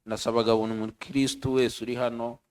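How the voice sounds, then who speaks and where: A man from Rwanda giving an earnest church testimony, speaking in short phrases and pausing so an interpreter can follow. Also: medium pitch, little pitch movement, smooth. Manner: earnest, pauses for interpreter after each phrase.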